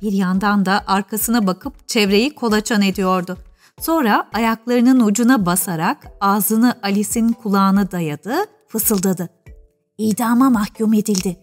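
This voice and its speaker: A woman narrates a children's classic in a calm, measured, expressive way at a middle pitch. Faint music plays beneath her voice. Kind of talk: storybook reading.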